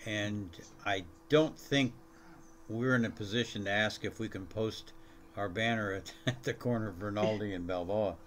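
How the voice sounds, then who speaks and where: Low-voiced man talking it through. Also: a bit bright, a little hiss or hum. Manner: deliberate, restarts often. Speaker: board member. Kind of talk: meeting discussion.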